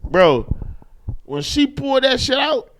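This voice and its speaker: A man co-hosting a podcast, telling a story in animated, slangy casual chat and repeating himself as he goes. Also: very high voice, slow. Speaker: podcast co-host.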